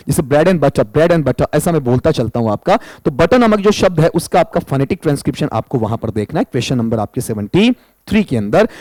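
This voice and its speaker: A man's voice: on the high side, a little mellow, no echo, low-quality recording. A male exam-prep teacher, walking students through answers and breaking words into single sounds. He speaks close to the mic in a dry, dead room. His tone stays patient and explanatory. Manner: addresses students as "beta", spells sounds out one by one.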